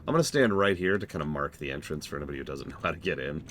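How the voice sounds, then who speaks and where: A man's voice: extremely low pitch, expressive, very fast, a bit bright, a little hiss or hum. A man giving casual, rambling live commentary as he streams a game, explaining things as he goes.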